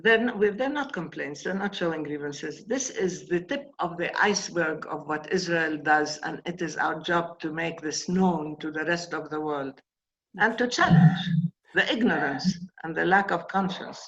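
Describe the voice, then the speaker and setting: A woman's voice: deep voice, normal speed, a bit bright. Older woman, impassioned, emphatic, dull lo-fi sound. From Palestine. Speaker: guest. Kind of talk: interview conversation.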